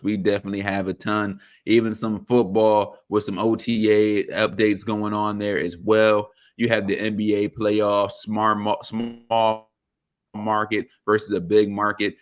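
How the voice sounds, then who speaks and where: A man co-hosting a sports talk show, relaxed and playful with slang. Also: lowish voice.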